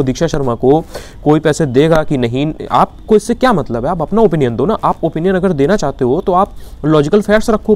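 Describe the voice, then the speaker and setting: A man's voice: a little high, darkish tone. A man with an Indian accent giving an indignant opinion commentary, arguing with rhetorical questions. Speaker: YouTube commentator.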